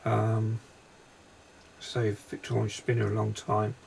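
Male psychic medium, low and gravelly, hesitant and halting delivery, faint noise in the background. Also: completely flat delivery, darkish tone. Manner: hesitant, halting descriptions with many pauses. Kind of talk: paranormal investigation commentary. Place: inside a railway carriage.

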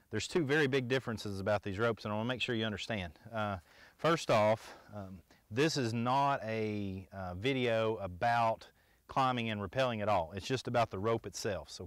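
Plainspoken middle-aged outdoor instructor, low voice. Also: male voice, no echo. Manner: plainspoken, often checks in with the viewer. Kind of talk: casual instructional demonstration. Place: outdoors in autumn woods.

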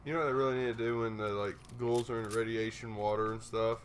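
A man's voice: lowish voice, steady tone, fast, noisy background. A man from the United States joking and teasing his friends in a casual gaming chat.

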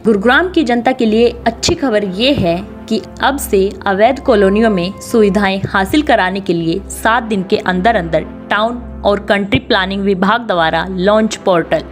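A woman news anchor reading a scripted local news report in a formal, announcing manner. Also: medium pitch.

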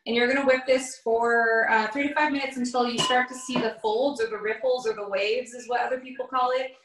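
A woman's voice: on the high side, steady tone, fairly quick, background noise. Young woman teaching a recipe from afar. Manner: chatty, explains step by step with fillers. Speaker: cooking instructor. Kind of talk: casual cooking demonstration. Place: home kitchen, indoors. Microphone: camera across the counter. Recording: echoey kitchen, far from the mic.

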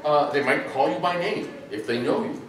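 Middle-aged man, conference speaker, casual and animated, heard from far back in a reverberant hall. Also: a little high, normal speed. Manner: animated, chatty, with frequent ums and uhs. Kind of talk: technical conference talk. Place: large echoey conference hall. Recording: echoey hall, distant mic, faint noise.

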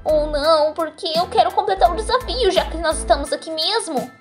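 A woman's voice: very high voice, fairly quick, soft background music. A woman voicing a bold, stubborn female toy pony, blunt and exclaiming, in a homemade story. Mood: dismissive, determined.

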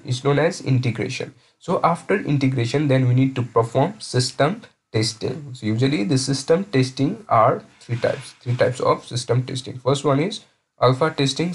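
A man's voice: mid-range voice, breathy edge. A man lecturing over slides, explaining each point step by step and often restarting or repeating words.

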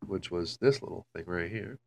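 On a handheld phone in a carpeted room, a man rambles and swears his way through a homemade vlog, chatting casually. His voice sits low with lively intonation and vocal fry at a normal speed. The home recording carries a loud hum.

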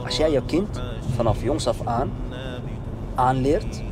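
A man's voice: mid-range voice, animated, takes it slowly, music in the background. A man giving conversational religious admonition as an interview guest, emphatic, using short repeated phrases and rhetorical questions. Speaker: Islamic preacher, interview guest.

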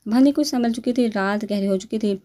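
Mellow-voiced woman reading a novel. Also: on the high side. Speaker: narrator. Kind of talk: reading a romance novel aloud.

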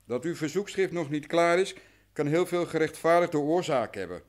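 Acting in Dutch for a radio drama, a man voices an anxious, deferential client who has long suffered and recounts events thoroughly and at length. He sounds on the high side and expressive, moving at a normal speed in a natural voice, with an earnest, resigned mood.

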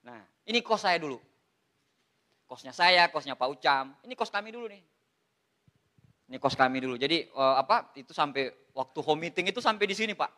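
A man with an Indonesian accent giving an animated, joking seminar talk to an audience, often calling listeners "Pak". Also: a little high, brisk, long pauses. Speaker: motivational speaker at a business seminar.

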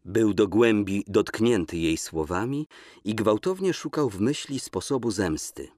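A man narrating an audiobook in a measured, expressive reading voice, recorded in a studio. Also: on the low side, no room sound.

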